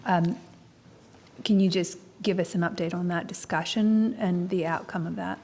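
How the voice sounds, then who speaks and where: A woman senator asking officials persistent, measured questions in a committee hearing. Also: fairly low pitch, fairly even intonation, darkish tone, long reverb tail.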